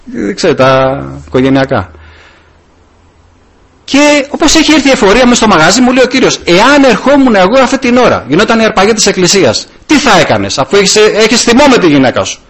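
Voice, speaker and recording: Middle-aged male deacon, informal sermon, husky, lively pitch, storyteller. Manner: animated storytelling, acting out dialogue. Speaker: deacon preaching. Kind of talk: informal sermon with personal stories.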